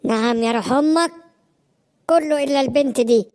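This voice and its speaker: A dramatic, overbearing cartoon mother in an Egyptian Arabic accent, voiced by a woman. Her voice is fairly high. She nags and guilt-trips. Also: normal speed, a little mellow, lightly acted. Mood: scolding. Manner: melodramatic, nagging. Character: overbearing middle-aged mother, dramatic and tearful.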